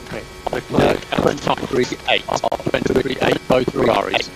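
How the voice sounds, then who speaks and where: Over team radio with music playing underneath, a male race engineer gives a driver clipped instructions and repeats the key calls. His voice is gravelly, mid-pitched and at normal speed, and the audio quality is poor.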